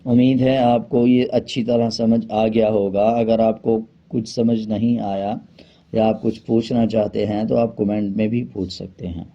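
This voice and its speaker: A man teaching a Quran reading lesson, switching between brisk explanations and slow, drawn-out spelling of letters. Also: on the low side, level tone. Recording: dull lo-fi sound.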